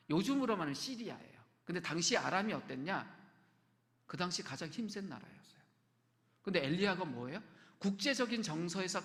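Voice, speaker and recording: A male pastor preaching a sermon in a church, talking with the congregation through questions and often dropping to a soft whisper. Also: sits high, gravelly, in a large hall. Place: church sanctuary.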